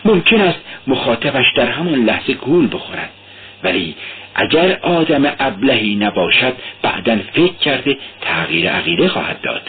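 A man's voice: medium pitch, animated, slight background noise, close to an everyday voice. A man voicing a sly, talkative police investigator who lectures and then fusses anxiously. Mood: lecturing. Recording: tinny lo-fi radio recording.

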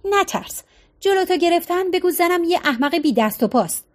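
A woman's voice: very high-pitched, lively intonation, pitched above the performer's own voice. A woman reading aloud as a tired, exasperated middle-aged wife with a sarcastic edge. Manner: fed-up, sarcastic.

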